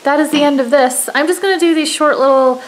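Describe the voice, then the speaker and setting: A woman's voice: sits high, fast, rough recording. A woman in her thirties chatting casually to her phone camera at home, giggly and sometimes dropping to a near-whisper. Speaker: vlogger. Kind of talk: casual vlog chat. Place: indoors at home. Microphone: phone camera held close.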